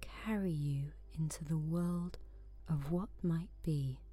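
Slow, soft-voiced woman guiding meditation. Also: low-pitched, husky, faint music behind. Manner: soft, slow and soothing, often whispering. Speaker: meditation guide. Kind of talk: guided sleep meditation.

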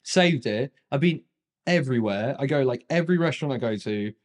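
An easygoing man co-hosting a podcast, with a mid-pitched voice. He rambles through stories and breaks into giggles. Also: lively intonation, fairly quick. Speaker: podcast co-host. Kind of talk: casual chat.

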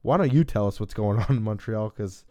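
A man's voice: lowish voice, a little fast, darkish tone, dry recording, highs cut off. A young man hosting a casual sports podcast, laid-back, laughing often and passing topics to his co-hosts. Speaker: podcast host.

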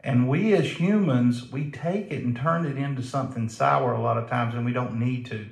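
A man's voice: mid-range voice, normal speed, creaky, reverberant, rough recording. A man from South Carolina with a Southern drawl, co-hosting a casual faith talk show, folksy and joking, laughing often. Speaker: co-host.

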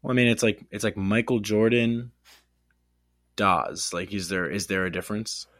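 A man's voice: on the low side, fairly even intonation, moderate pace, a bit bright, no room sound, clean studio sound. A man co-hosting a casual sports podcast, teasing his partner and swearing casually. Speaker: podcast co-host.

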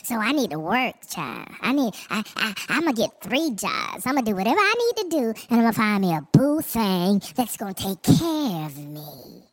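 A sassy, bougie woman who wants everything expensive, as a preacher puts her on. Her voice swoops high and low with lively drawling emphasis. The sound is dry and close. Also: moderate pace, hardly any pauses, no echo.

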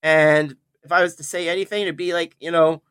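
A podcast host from the Altoona, Pennsylvania area, chatting casually in an animated, rambling way and stumbling over words. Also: mid-range voice, brisk, clean tone, no room sound, clean studio sound. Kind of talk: casual review chat.

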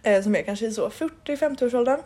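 Husky-voiced woman telling a rambling story. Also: a little high, darkish tone. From Sweden. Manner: rambling storyteller, many fillers and restarts. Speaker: podcast co-host. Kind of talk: casual chat. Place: living in Paris.

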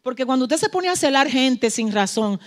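Fervent high-voiced woman preacher. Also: expressive, moderate pace. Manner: swings from soft asides to shouted, fervent peaks; acts out dialogue in quoted voices. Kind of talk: Pentecostal-style sermon.

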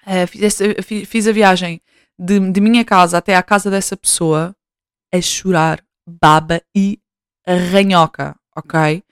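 A woman's voice: on the low side, fairly even intonation, measured pace, smooth, no room sound, studio quality. A young woman with a European Portuguese accent, hosting her own show and talking in a loose, slang-filled ramble with lots of fillers and restarts. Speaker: podcast host. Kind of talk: casual rambling monologue.

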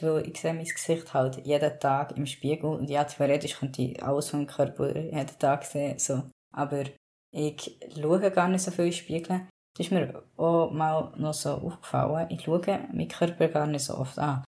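A non-binary young adult speaks with a gravelly, creaky edge over a dark, mellow tone. The talk is a casual, candid personal vlog that rambles along with plenty of fillers. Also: medium pitch, fairly even intonation, normal speed. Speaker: vlogger.

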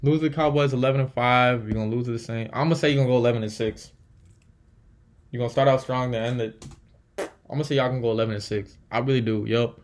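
Trash-talking podcast host. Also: male voice, medium pitch, steady tone, fast. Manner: blunt, trash-talking, thinks aloud while tallying records. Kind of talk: casual solo sports podcast.

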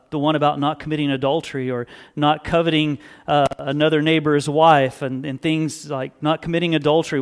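Man preaching a measured sermon. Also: a little high. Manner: measured, emphatic, slows to stress key words. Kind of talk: sermon reading and explaining scripture. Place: church.

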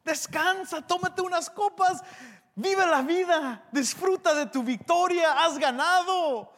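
Preacher doing a breezy, soothing male tomb, high voice, echoey hall. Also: slow, heavily acted. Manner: coaxing, relaxed, turns frantic. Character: laid-back male tomb, soothing, then panicking.

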